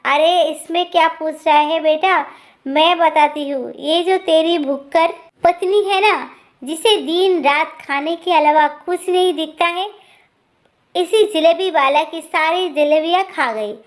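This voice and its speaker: A woman's voice: extremely high pitch, unhurried. A woman voicing a nagging, scolding old mother-in-law who exclaims and complains.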